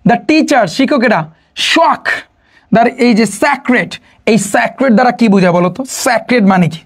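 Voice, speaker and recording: Quizzing tutor. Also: mid-range voice. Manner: mixes English words into Bengali, quizzes listeners with repeated questions. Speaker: English tutor. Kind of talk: online exam-prep lecture.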